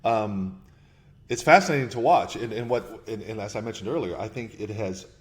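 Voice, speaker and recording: A man's voice: fairly low pitch, normal speed. A man being interviewed about investing, who talks in bursts with many restarts and thinks aloud. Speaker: investment manager guest. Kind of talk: podcast interview.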